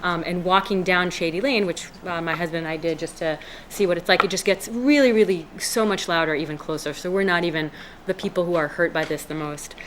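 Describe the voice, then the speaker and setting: An Israeli woman speaks as a resident during public comment at a town hearing in a town meeting room. Her fairly low voice is brisk, earnest and hesitant, full of fillers and restarts, against a noisy background.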